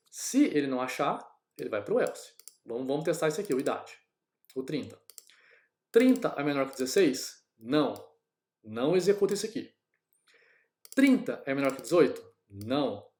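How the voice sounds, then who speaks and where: A programming teacher from Brazil talks casually through each step aloud to his class in a screen-recorded coding lesson. His voice is on the high side with a darkish tone, and the room sounds echoey.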